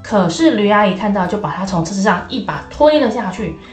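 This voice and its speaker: A woman storyteller reads a children's tale in a lively, animated way and speaks straight to the young listeners. Her voice rings in an echoey room, and soft music plays behind her. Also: medium pitch, brisk. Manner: lively, addresses children directly.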